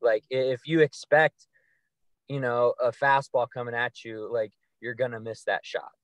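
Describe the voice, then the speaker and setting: A man's voice: medium pitch, fairly even intonation, normal speed, a bit bright, no room sound. A man co-hosting a podcast, talking casually and rambling through long sentences with many ums and likes. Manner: rambling, with many fillers and restarts. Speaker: podcast co-host. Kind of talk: casual conversational chat.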